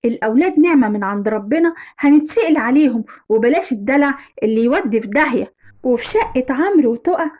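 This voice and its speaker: A woman's voice: sits high, lively intonation, quick pace, a little mellow. A woman with an Egyptian accent narrating a family story and closing with a moral. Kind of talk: scripted narration.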